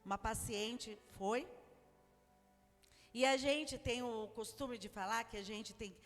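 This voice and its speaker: A woman's voice: fairly high pitch, takes it slowly. A woman with a Brazilian Portuguese accent preaching a sermon, telling stories in a chatty way with many asides. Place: church. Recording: long church hall reverb, faint music.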